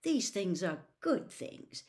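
A woman's voice: medium pitch, very animated, slow, darkish tone. A woman reading a storybook aloud, voicing a mischievous male cat who coaxes and shows off with a sly, playful manner. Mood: soothing. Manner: sly, coaxing, showman-like.

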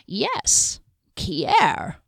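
A woman voicing a patronizing male wizard diviner with a nasal, sibilant voice and slow, knowing pronouncements. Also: no room sound, studio quality. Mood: ominous.

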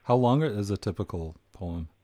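A man's voice: fairly low pitch, animated, moderate pace, warm tone. A man working as a podcast host, asking questions and responding in a casual chat style.

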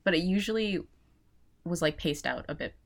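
A woman's voice: fairly low pitch, expressive, moderate pace, vocal fry. A woman co-hosting a podcast, chatting casually about a TV episode, asking curious questions and laughing often. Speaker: podcast co-host. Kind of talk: casual chat recapping a TV episode.

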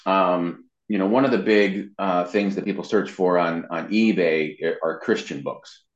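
A man with a low voice speaks at a measured pace as an interview guest, a web marketing consultant explaining things casually and often repeating words. The recording has a roomy echo and a dull, muffled sound.

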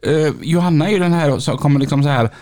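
Joking male co-host from western Sweden, teasing his guests, a fairly high voice. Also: a little mellow. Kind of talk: casual chat.

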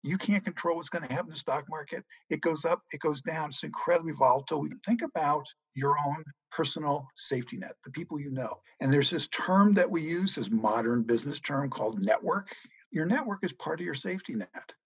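A middle-aged man answering interview questions about money in a measured, reassuring way. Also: fairly high pitch, husky, dry recording, muffled recording. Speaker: guest economics journalist.

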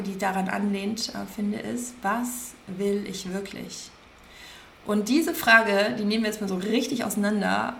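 Gravelly-voiced woman coaching gently. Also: mid-range voice, slight background noise. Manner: gentle, coaching, slowly repeats and stresses words. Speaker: podcast host, coach. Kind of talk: guided self-reflection talk.

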